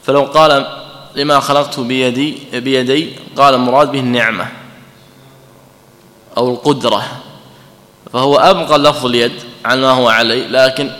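A man's voice: mid-range voice, fairly even intonation, moderate pace, long pauses, pushed and bright. A man, a sheikh, lecturing on a text, explaining it point by point and checking in with his listeners. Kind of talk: lecture commenting on a read text. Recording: echoey hall.

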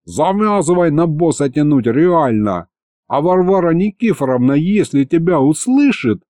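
A man's voice: a little high, sing-song, normal speed, a little mellow, dry recording, clean studio sound, voice pushed up. A man voicing a brash male imp sidekick who talks in street slang. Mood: brash eager.

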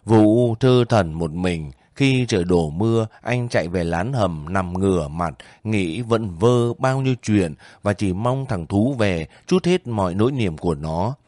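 A man narrating a story in a steady, measured reading voice. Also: lowish voice, dry recording, studio quality. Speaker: audiobook narrator. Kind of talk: scripted narration.

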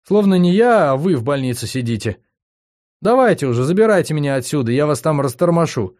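A man's voice: on the high side, animated, fairly quick, a little mellow, pitched above the performer's own voice, lightly acted. A man reading an audiobook, voicing a cheerful but stubborn young woman patient in a raised, pleading voice. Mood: cheerful, chatty.

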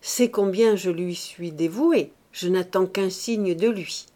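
A woman reading the lines of a calm, ambitious male priest in an even, respectful voice. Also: lowish voice, takes it slowly. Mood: deferential.

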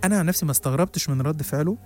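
Egyptian man, horror story narration, very fast, slightly high pitch. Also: a little mellow, soft background music. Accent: Egyptian Arabic. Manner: rapid, suspenseful, with small restarts.

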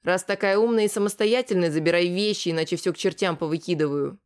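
A woman reading an audiobook and voicing a middle-aged mother who yells scornfully. Her voice rises high and loud in this role. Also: quick pace, natural voice. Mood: furious. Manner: yelling, scornful.

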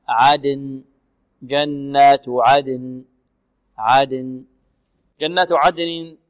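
A man teaching Quran recitation, who asks and answers his own questions and repeats single words slowly as examples. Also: on the high side. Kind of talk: tajweed lesson. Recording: long hall reverb.

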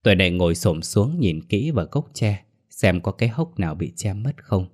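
A man tells a village ghost story in a deep, low voice. His carries a steady, dramatic delivery. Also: moderate pace.

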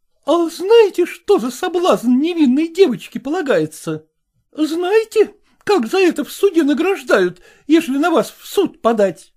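Man putting on a shrill, furious woman. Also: sing-song, unhurried, a little mellow, full character voice. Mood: indignant. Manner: shrill, indignant, exclaiming. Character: shrill agitated middle-aged woman, choir keeper. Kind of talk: audiobook character voicing.

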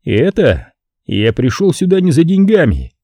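A man's voice: on the high side, huge pitch swings, measured pace, dark tone, slightly rough, dry recording, studio quality, pitched above the performer's own voice, exaggerated voice. A man voicing a cold, ruthless vigilante who speaks in terse threats. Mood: cold threatening.

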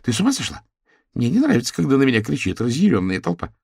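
A man's voice: medium pitch, wildly swooping pitch, quick pace, creaky, a little mellow, breathy edge, no echo, clean studio sound, pitched above the performer's own voice, heavily acted. A man doing a grumbling retired woman. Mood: alarmed. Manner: complaining, alarmed. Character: grumpy fearful retired woman.

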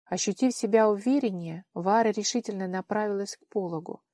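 A woman narrating an audiobook in an expressive, measured manner. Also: mid-range voice, no room sound. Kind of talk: scripted narration.

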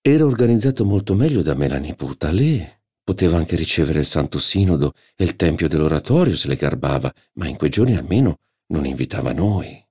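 A man reading a literary novel aloud as audiobook narrator, measured and expressive. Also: extremely low pitch, husky, no echo, clean studio sound.

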